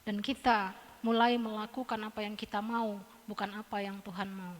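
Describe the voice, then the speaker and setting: A woman preacher giving a lively, humorous sermon in a church, acting out little scenes. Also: medium pitch, moderate pace. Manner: animated, humorous, acts out voices. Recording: church hall reverb.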